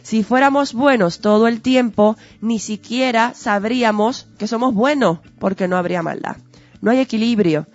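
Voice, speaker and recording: A woman's voice: mid-range voice, a little mellow. Earnest teacherly woman. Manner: earnest, teacherly, full of rhetorical questions. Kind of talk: conversational explanatory talk. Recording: dull lo-fi audio with faint music.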